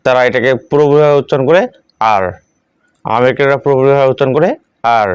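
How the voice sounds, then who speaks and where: A man teaching the English alphabet, saying each letter slowly and repeating it, in a steady classroom manner. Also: medium pitch, clear, resonant tone, no echo, lo-fi sound. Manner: repeats each letter twice, slow and deliberate. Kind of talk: slow classroom instruction.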